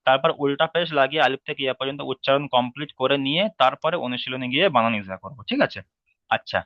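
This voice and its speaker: A man teaching an online class at a steady middle pitch. He explains with patience, repeats each rule, and drills letter sounds slowly. The audio is dry and a little dull, the lo-fi sound of an online call. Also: dry recording. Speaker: Quran reading teacher.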